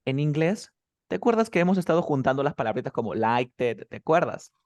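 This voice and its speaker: A man teaching an English pronunciation lesson one on one. He quizzes his student and repeats example sentences slowly to model stress. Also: mid-range voice, animated, a little mellow. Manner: quizzes the student with quick questions.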